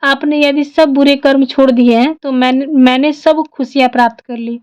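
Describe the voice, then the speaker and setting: A woman's voice: sits high, steady tone, moderate pace, darkish tone, close to an everyday voice. A woman voicing a young devoted wife who prays and pleads in her grief, in a storytelling style. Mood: grateful. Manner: pleading, tearful prayer.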